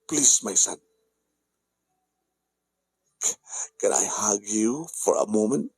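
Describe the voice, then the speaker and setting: A man voicing a remorseful man who begs for forgiveness, speaking softly and slowly. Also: fairly low pitch, expressive, breathy edge, pitched below the performer's own voice, heavily acted. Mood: tender.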